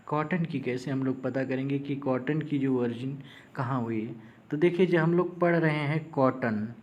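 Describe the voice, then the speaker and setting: A man's voice: a little high, a little mellow, highs cut off. A man teaching a lesson for an agriculture exam, explaining memory tricks. He spells words letter by letter and keeps checking in with his listeners. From India. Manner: repeats "thik hai" often, spells words letter by letter.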